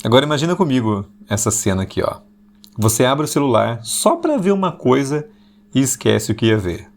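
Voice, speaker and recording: A man, hosting an intimate late-night podcast monologue and deliberately talking slower and lower, though he still slips into speaking fast. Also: sing-song, creaky. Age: 40s. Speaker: podcast host.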